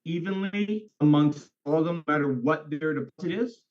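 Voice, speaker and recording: A man's voice: on the high side, moderate pace, a little mellow. An enthusiastic man on an online group call asking questions, his voice coming through a bad, breaking-up internet connection. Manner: enthusiastic, emphatic, repeats for stress. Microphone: computer or phone on a video call. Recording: dull lo-fi internet call audio.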